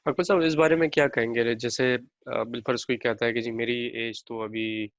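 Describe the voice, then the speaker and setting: A man hosts an interview. He asks polite questions and murmurs brief assents at a middle pitch. The sound is dry and dull, like a lo-fi recording. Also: fairly even intonation, normal speed, dry recording. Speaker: interview host.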